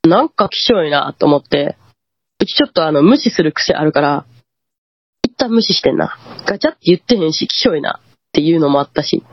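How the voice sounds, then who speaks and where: Kansai woman guest, husky, lively pitch, muffled dry lo-fi call audio, animated ghost-story teller. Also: fairly quick, no echo. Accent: Kansai Japanese. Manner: animated, acts out quoted lines. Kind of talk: casual ghost-story telling.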